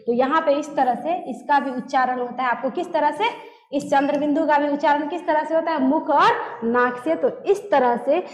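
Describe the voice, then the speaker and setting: A woman teaches grammar in a high, clear voice, asking her class questions and answering them herself. She repeats each key term slowly. Her voice rings out with a long echo, as in a bare hall. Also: steady tone, darkish tone. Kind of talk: classroom lesson. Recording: echoey room with long reverb.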